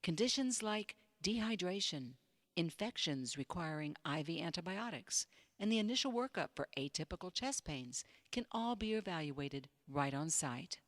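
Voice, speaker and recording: A woman narrating a scripted promotional infomercial in a polished, measured sales-pitch manner. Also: lively intonation, no echo, studio quality. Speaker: commercial voice-over announcer. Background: music bed.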